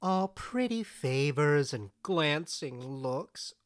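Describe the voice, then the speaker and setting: An actor playing Puck, a mischievous fairy trickster who teases with a playful manner in an audio drama. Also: male voice, fairly high pitch, expressive, slow pace, no echo, clean studio sound. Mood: teasing. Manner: playful, teasing.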